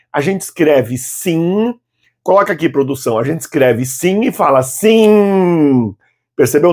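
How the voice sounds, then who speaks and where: A man in his fifties with a Brazilian Portuguese accent, teaching a video language lesson and patiently saying model phrases slowly for students to repeat aloud. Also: a little high, slightly rough. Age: 50s. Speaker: Arabic teacher.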